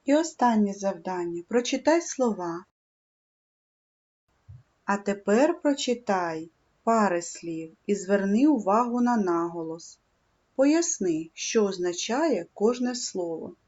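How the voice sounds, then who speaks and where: Slow, clear woman teaching young pupils. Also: mid-range voice, animated, a little mellow, highs cut off. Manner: slow, clear instructional delivery, stressing syllables. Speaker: primary school teacher. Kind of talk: scripted lesson narration.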